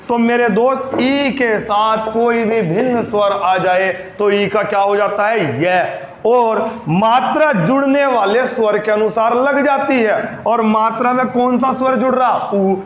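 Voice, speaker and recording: A male teacher giving a grammar lesson, quizzing his students repeatedly and stretching key words slowly. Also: extremely high pitch, slight background noise. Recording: roomy, dull lo-fi recording.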